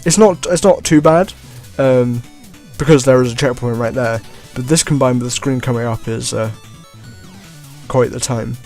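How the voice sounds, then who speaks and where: Laid-back guy talking over his game, mid pitch, chuckles a lot, faint game music under him. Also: normal speed. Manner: relaxed, chuckling, trailing "I guess". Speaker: let's play host. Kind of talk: gameplay commentary.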